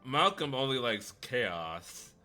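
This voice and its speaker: A man's voice: medium pitch, sing-song, takes it slowly, pushed and bright. A man giving casual commentary as he streams a game, thinking aloud. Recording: game music behind the voice. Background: music.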